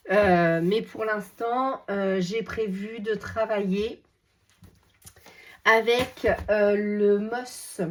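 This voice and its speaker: A middle-aged woman hosting a craft channel, chatting casually and enthusiastically with many fillers, her voice slightly hoarse. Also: mid-range voice, slight background noise. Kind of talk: casual chat showing books.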